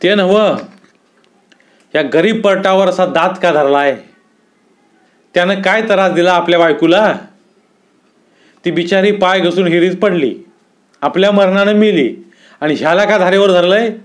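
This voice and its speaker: A man's voice: high-pitched, unhurried, long pauses, voice pushed up. A man voicing a proud young wrestler who speaks firmly and confrontationally in a raised voice. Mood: defiant. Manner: firm, confronting, pointed.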